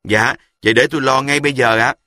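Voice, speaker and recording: A man's voice: mid-range voice, fairly even intonation, fast, pushed and bright, no echo, studio quality, pitched above the performer's own voice, natural voice. A man voicing a humble, anxious rural mother who speaks deferentially.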